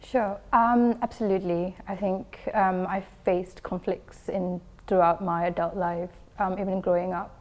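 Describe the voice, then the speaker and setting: A woman from Singapore speaks as an interview guest in a fairly low voice. She answers thoughtfully, pausing often with filler ums as she gathers her words. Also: fairly even intonation, a little mellow.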